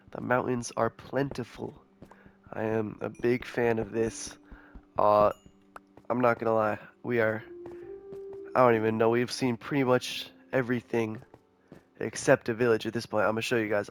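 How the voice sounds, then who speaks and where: A young gaming YouTuber rambles casually over a game, excitable and chatting with his viewers. His mid-range voice sounds a little nasal from a cold.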